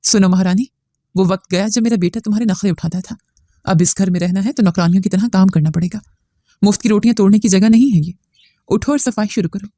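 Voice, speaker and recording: A woman's voice: mid-range voice, fast talker, dark tone, no echo, close to an everyday voice. A woman voicing a bitter, accusing older mother-in-law in a spoken story. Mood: bossy.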